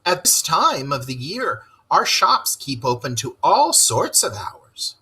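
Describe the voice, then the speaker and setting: A man's voice: on the high side, sing-song, slow, sharp tone, breathy edge, heavily acted. A man voicing a small, respectful field mouse in a storybook read-aloud.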